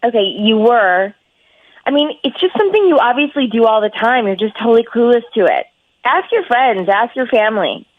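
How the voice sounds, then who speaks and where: A woman's voice: a little high, lively intonation, normal speed, no echo. A woman on a phone line, put through on speakerphone, talking bluntly and with exasperation, with lots of "like". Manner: blunt and exasperated, says "like" a lot. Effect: heard over a phone line on speakerphone. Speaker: radio call-in guest. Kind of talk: casual phone chat. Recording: tinny dry phone line.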